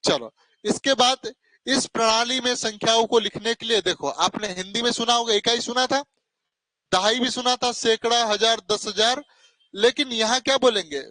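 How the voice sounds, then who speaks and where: A man's voice: very high-pitched, fairly even intonation, moderate pace, pushed and bright, dry recording, rough recording. A male teacher giving a classroom lecture, asking questions and answering them himself, calling students "beta" and correcting himself as he goes. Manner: corrects himself mid-explanation.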